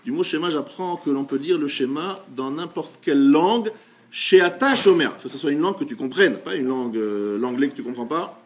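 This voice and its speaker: Rabbi guy teaching gemara, kinda high voice, reads the slow then explains it again. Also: lively intonation. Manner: explains step by step, reads Hebrew and Aramaic phrases slowly then translates; often rephrases and repeats. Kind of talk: Talmud class lecture.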